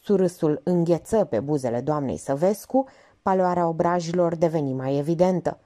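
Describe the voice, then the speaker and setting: A woman narrating an audiobook with expressive, varied intonation. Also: deep voice. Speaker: audiobook reader.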